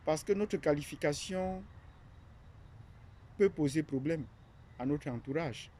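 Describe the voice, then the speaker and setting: Unscripted and searching for words, a Cameroonian academic presents the platform he founded, pausing often, filling gaps and restarting sentences. His mellow voice is rather dark and a little high, with a faint hiss underneath.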